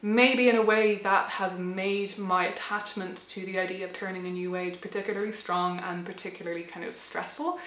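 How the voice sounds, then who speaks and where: A woman of about thirty speaks in a thoughtful, halting way and often circles back on herself. Her voice sounds a little hoarse and worn, pitched at a middling height. The recording carries a noticeable room echo. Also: fairly even intonation, fairly bright tone. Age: late 20s to 30. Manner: thoughtful, hesitant, many restarts and fillers. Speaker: channel host. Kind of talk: reflective personal vlog.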